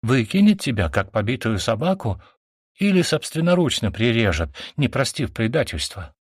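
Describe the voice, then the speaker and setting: A drunk young brother in a storybook, furious and sneering, his husky voice swinging hard up and down as he spits accusations, as a man acts him out. The sound is close and dry. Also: mid-range voice, very animated, moderate pace, dry recording, pitched above the performer's own voice. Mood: mocking.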